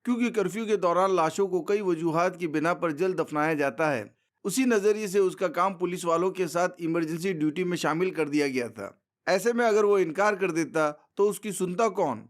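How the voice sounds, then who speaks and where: A man narrating a literary short story in a measured, formal storytelling manner. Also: sits high.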